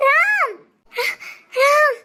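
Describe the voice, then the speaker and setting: A timid young village woman from a cartoon family drama. Her voice is strikingly high and thin, tearful and pleading. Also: fairly even intonation, fairly quick. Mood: frightened. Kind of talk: animated cartoon voice acting.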